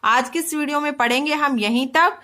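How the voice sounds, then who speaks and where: A young woman teacher giving a recorded video lesson for children. She reads example sentences slowly and clearly and puts questions to the class. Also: sits high, pushed and bright. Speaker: school teacher.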